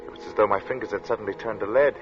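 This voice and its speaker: An actor voices a brooding, haunted male artist, telling of a strange, oppressive hot day in a deliberate, dramatic 1940s radio style with weighted pauses. His pitch is fairly low and his tone steady, the acting light, the mood absorbed and intense. The recording is a dull vintage radio capture with loud music.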